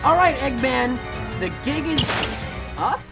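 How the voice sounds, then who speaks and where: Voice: sits high, very animated, unhurried, music in the background, exaggerated voice. An actor voicing a cocky, easygoing young male hedgehog hero in a breezy, casual way for a comic dub. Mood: confident. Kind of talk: animated comic dub acting.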